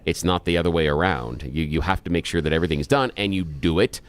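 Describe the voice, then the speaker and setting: Low-voiced man chatting casually. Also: fast talker. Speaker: radio show host. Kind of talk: casual chat.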